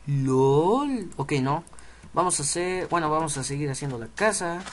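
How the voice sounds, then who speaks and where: A man's voice: a little high, a little fast, a bit bright, a little hiss or hum. A young man giving jokey, chatty commentary while playing a game and talking to the characters on screen. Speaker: let's play gamer. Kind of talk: casual gameplay commentary.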